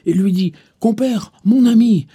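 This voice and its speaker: A man's voice: measured pace, husky. A man voicing a fussy, pious male lion who keeps urging a fox in a coaxing, repetitive way. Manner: coaxing, repetitive, raised pitch with some shouted calls.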